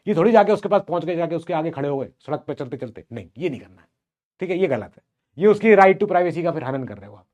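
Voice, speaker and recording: A man with an Indian accent teaching an online class, conversational and teasing, mixing Hindi and English and slowing to dictate English word by word. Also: fairly high pitch, lively intonation, a little mellow.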